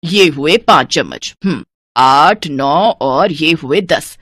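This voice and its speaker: A woman's voice: lowish voice, expressive, brisk, no room sound, clean studio sound. Lady doing a cheapskate scheming old mother-in-law in a cartoon, always scolding. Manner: scolding, penny-pinching.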